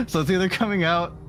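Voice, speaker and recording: Speaking in a high, fairly bright voice, a man draws art live on stream, chatting casually with plenty of rambling and giggles. Music plays in the background.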